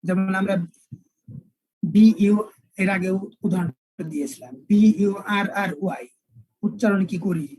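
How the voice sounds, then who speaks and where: A male English teacher, lecturing an online class and spelling words out slowly with repeated examples. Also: sits high, a little mellow, breathy edge, no echo, poor audio.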